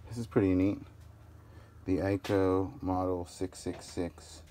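Male vlogger, low voice, casual appraising commentary, outdoor phone clip with background noise. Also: level tone, slow pace, mellow. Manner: upbeat, appraising items aloud with prices. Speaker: storage auction vlogger. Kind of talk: casual running commentary while sorting items. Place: outdoors at a storage unit.

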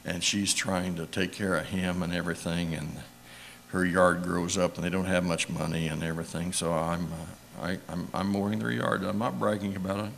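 A man's voice: low voice, flat delivery, normal speed, gravelly, fairly bright tone, a little hiss or hum. An older man, a church elder, telling rambling, emotional stories in a folksy sermon and chuckling often. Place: church sanctuary.

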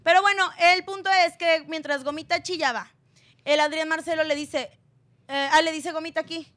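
Mexican woman gossip host, high voice, sarcastic, slangy, phone mic. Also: steady tone, moderate pace, fairly bright tone. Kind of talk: celebrity gossip commentary.

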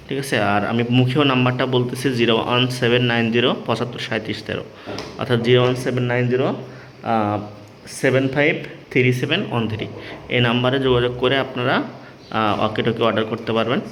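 A man with a Bangladeshi accent, an electronics seller, gives a casual, unscripted product tutorial in a mid-range, slightly bright voice. He explains things repetitively and keeps checking that he's understood. There's slight background noise.

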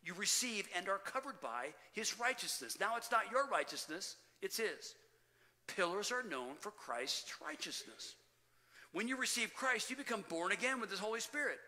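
A pastor's high, sharp voice swings widely in pitch as he preaches emphatically, often calling his congregation loved ones. Recorded in a church sanctuary with hall reverb, his sermon rises and falls, broken by pauses.

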